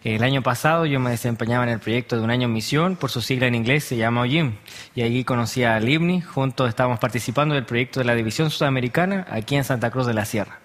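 A young man from Chile, in his twenties, speaks as a guest on a religious talk show. He talks earnestly and leads a prayer. His voice sits at a medium pitch. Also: fast. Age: 20s. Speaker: guest, youth missionary.

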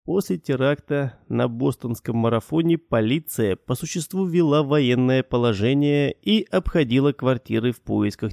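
Gravelly, dark-voiced male narrator. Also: mid-range voice, no echo, studio quality. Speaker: audiobook narrator. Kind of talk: first-person audiobook narration.

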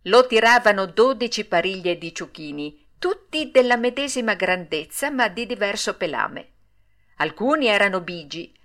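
Bright expressive woman narrating a classic kids' story aloud. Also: medium pitch. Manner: lively, expressive reading. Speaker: audiobook narrator.

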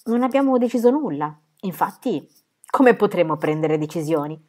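A woman reading a calm, clear young sister. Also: lowish voice, moderate pace. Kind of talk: audiobook reading.

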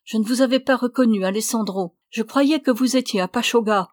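A woman reading the lines of a brisk, outspoken middle-aged innkeeper woman in an audiobook, in a dry recording. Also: fairly high pitch, dry recording, lightly acted. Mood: eager.

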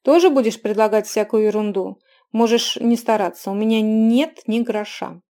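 A woman's voice: fairly high pitch, normal speed, mellow, lightly acted. A woman voicing a grumpy, scheming young man who is broke and talks in sardonic, muttered asides.

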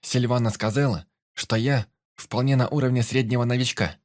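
A man's voice: medium pitch, fairly even intonation, normal speed, darkish tone, voice pushed up, close to an everyday voice. A man voicing an eager, proud young man in an audiobook, boasting about his plans.

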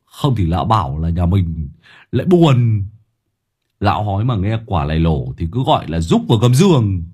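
A man's voice: sits low, big pitch swings, moderate pace, mellow, husky, heavily acted. A man voicing a mischievous young prankster who talks in a playful, scheming way, in a comic audio story.

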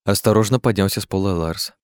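A man narrates an audiobook in a measured, expressive voice that sits low. The sound is dry and close. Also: smooth, no room sound. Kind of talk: scripted narration.

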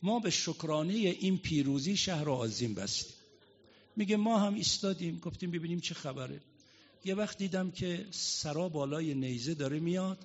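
High-voiced preacher, muffled recording. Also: male voice. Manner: storytelling, rising to impassioned chanting. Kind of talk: mourning sermon with chanted elegy. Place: mourning hall.

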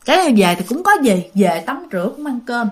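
A woman's voice: fairly high pitch, sing-song, fairly quick. A woman telling a ghost story, chatting directly to her listeners.

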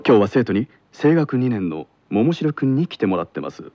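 A man playing a calm teenage boy who teaches Kansai dialect in a radio skit, speaking with a Kansai accent in a patient, measured way. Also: mid-range voice, lo-fi sound, faint music behind. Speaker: lesson host in a radio skit.

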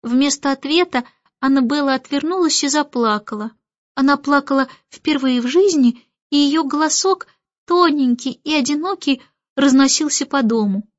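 A woman narrating an audiobook in an expressive storytelling manner. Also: sits high, moderate pace, dry recording. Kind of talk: scripted narration. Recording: dry, slightly dull recording.

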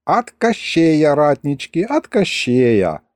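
A man's voice: on the high side, big pitch swings, takes it slowly, dry recording, studio quality. Man doing a rambling folksy old grandfather. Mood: sly. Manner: folksy old-fashioned rustic speech.

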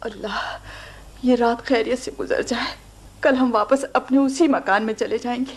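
A woman's voice: fairly high pitch, fairly even intonation, normal speed, natural voice. A woman playing a fearful older aunt. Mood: anxious. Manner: anxious, pleading. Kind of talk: vintage radio drama acting.

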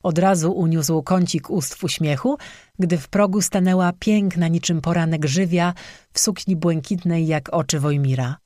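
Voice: medium pitch, moderate pace, darkish tone, no echo. Audiobook narrator, dry close sound. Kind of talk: scripted narration.

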